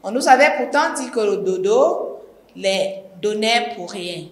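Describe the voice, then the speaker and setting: A woman's voice: mid-range voice, expressive, measured pace, lightly acted. A woman with a Cameroonian French accent voicing a poor young peasant girl, earnest and pleading. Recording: echoey room.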